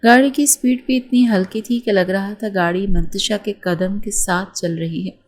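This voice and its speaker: Novel narrator, woman, steady dramatic read-aloud delivery. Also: mid-range voice. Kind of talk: reading a romance novel aloud.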